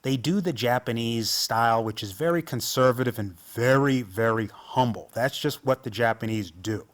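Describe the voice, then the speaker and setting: A man's voice: mid-range voice, moderate pace. An American man, host of an off-road channel, giving casual, enthusiastic and self-mocking commentary over trail footage. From United States.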